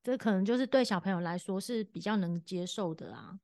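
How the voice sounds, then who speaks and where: A woman's voice: medium pitch, a little fast, a little mellow, no echo, studio quality. A woman, co-hosting a podcast and telling easygoing stories in casual chat. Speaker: podcast co-host.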